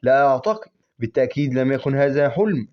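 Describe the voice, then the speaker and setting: A man's voice: medium pitch, animated, fast talker, highs cut off, voice pushed down, natural voice. Man reading as a shaken teenage schoolboy. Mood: bewildered. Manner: shaken, muttering to himself. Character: panicked male high-school student.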